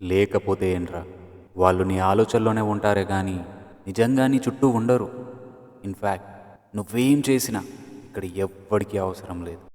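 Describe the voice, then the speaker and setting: A man playing a young man's calm future self, who lectures him firmly and steadily. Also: fairly low pitch, normal speed, long pauses, long reverb tail, close to an everyday voice. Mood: stern. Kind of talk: short film acting.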